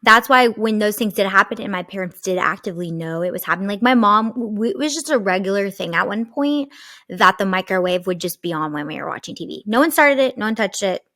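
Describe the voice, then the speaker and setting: A woman's voice: medium pitch, brisk, no echo, studio quality. A young woman co-hosting a podcast, telling a personal story in casual chat, full of "like" fillers. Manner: animated storytelling, lots of "like" fillers. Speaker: podcast co-host.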